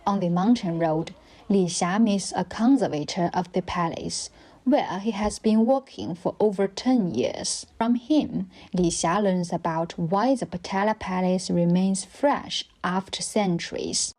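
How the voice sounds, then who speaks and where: A woman reading scripted documentary narration in a measured, even way. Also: lowish voice.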